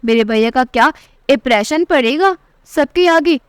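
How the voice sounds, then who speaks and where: A woman's voice: high voice, animated, normal speed, clean tone, no room sound. A woman voicing a spoiled, fashion-obsessed young sister-in-law who taunts with condescension. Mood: taunting.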